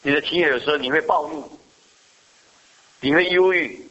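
Bright-voiced man preaching a sermon. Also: fairly high pitch, moderate pace, lo-fi sound. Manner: asks the congregation questions and answers them. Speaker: pastor.

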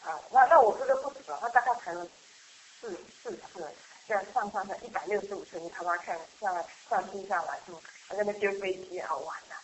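A middle-aged woman sharing a personal church testimony in a chatty, halting way, with frequent laughs and restarts. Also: medium pitch, a little hiss or hum, rough recording. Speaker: church member giving a testimony. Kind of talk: casual spoken testimony.

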